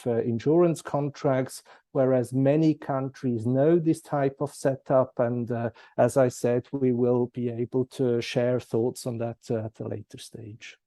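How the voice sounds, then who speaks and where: Very mellow man. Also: medium pitch, dry recording. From German-speaking Switzerland. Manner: formal, measured explaining. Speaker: guest, compliance expert. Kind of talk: interview answers.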